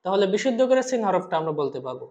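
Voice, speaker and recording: A patient teacher explaining Arabic letter pronunciation step by step, drawing each sound out slowly and asking listeners to repeat. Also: mid-range voice, sing-song, darkish tone, roomy sound, muffled recording. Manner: slow, drawn-out demonstrations of each letter sound. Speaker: Quran recitation teacher.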